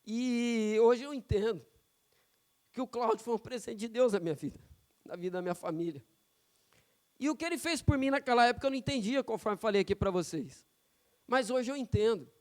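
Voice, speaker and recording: Brief: male pastor from São Paulo, high and clear, chatty storytelling sermon. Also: a little fast, pauses often. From São Paulo, Brazil. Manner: conversational, personal storytelling with frequent tag questions. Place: church sanctuary.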